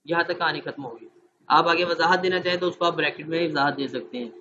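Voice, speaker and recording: A man's voice: on the high side, sharp tone. A man training teachers online, explaining step by step and often checking that his listeners understand. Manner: demonstrates letter sounds and recites verses slowly. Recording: dull lo-fi online class audio with faint noise.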